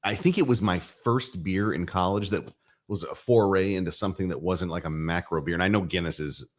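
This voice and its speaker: A man co-hosting a relaxed chat about drinks. He has a very low voice and wanders through his thoughts with easy restarts. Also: fairly quick. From Florida. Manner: easygoing, rambling, many restarts. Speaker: co-host. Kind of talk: casual chat.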